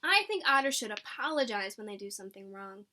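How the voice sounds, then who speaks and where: In a medium-pitched voice at a fairly quick pace, a woman reads to children from a picture book like a teacher, staying animated and explanatory while acting out lines and adding asides.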